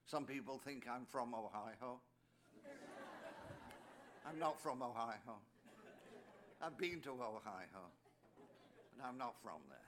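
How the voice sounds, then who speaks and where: A man's voice: medium pitch, expressive, slow pace, long pauses, a crowd in the background. An older man with an English accent, a priest giving a personal testimony speech at a recovery meeting, anecdotal and dropping joking asides to the audience. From England. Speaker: priest sharing his story at a recovery meeting.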